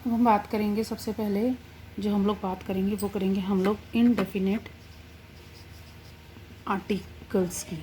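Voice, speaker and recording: A woman teaching a grammar lesson in a patient, classroom manner, stretching out each example word so its sound is plain. Her voice is mellow and dark. A faint hiss sits under the recording. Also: medium pitch, little pitch movement. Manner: slow, drawn-out example words with stress on sounds.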